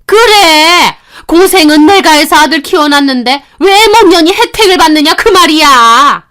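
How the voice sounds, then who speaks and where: A woman voicing a domineering older mother-in-law who shouts and scolds her daughter-in-law. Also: sits high, lively intonation, a little slow, voice pushed up. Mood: shrill scolding.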